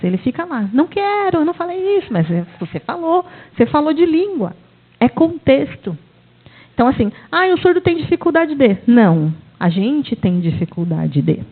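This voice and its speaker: Woman, Brazilian Portuguese accent, middle-aged, lecturer, expressive storytelling, raised pitch. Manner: expressive storyteller, acts out quoted dialogue. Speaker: university lecturer. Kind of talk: academic talk with classroom anecdotes. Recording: tinny phone-like audio.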